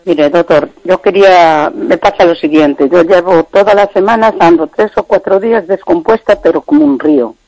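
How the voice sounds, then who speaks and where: A woman's voice: fairly low pitch, moderate pace, few pauses, darkish tone, no echo. A woman calling in to a radio show over the phone, describing her symptoms frankly and matter-of-factly. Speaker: caller. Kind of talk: radio call-in question. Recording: muffled phone line.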